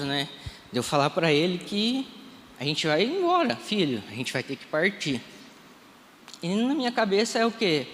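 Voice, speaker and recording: A man's voice: on the high side, a bit bright. A man in his thirties from Brazil, a pastor giving an emotional testimony in a live church service, acting out the conversations he retells. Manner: emotional storytelling, re-enacting dialogue. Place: church sanctuary. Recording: reverberant hall, faint room noise.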